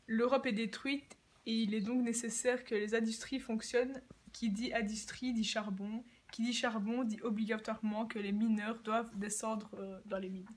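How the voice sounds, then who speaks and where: Female news explainer, prepared delivery, fairly high pitch. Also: steady tone, moderate pace.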